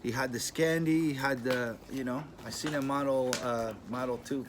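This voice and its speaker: A man in his thirties from Greece with a Greek accent, talking casually to camera as a channel host in plain-spoken, unhurried English with non-native phrasing. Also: medium pitch, steady tone. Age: 30s. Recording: noisy with clicking sounds.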